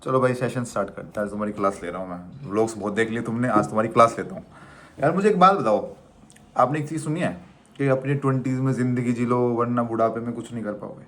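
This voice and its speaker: A man's voice: mid-range voice, fast. A young man in his twenties, a travel vlogger from India, talking casually and animatedly to the camera. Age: 20s. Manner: animated, chatty, teasing the viewer as "bhai".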